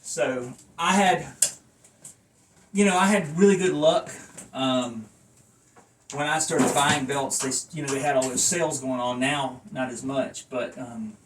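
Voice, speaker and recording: Unhurried and full of long pauses, a man with a mid-range voice rambles casually about his hobby in a review. His manner is folksy and self-deprecating, peppered with profanity, and the noisy phone mic sits far from him.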